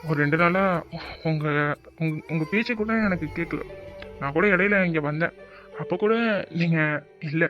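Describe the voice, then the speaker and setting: A man's voice: on the high side, moderate pace, pauses often, close to an everyday voice. A man voicing a polite young man in a cartoon who pleads earnestly to make peace with a friend. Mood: pleading, polite. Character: young man Karthik, polite, remorseful co-worker. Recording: dull lo-fi audio with music bed.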